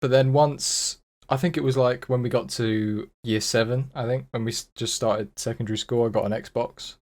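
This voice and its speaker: A man's voice: mid-range voice, steady tone, normal speed, a little mellow. A young man, a podcast guest, chatting casually and a bit hesitantly about his past. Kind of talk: casual chat.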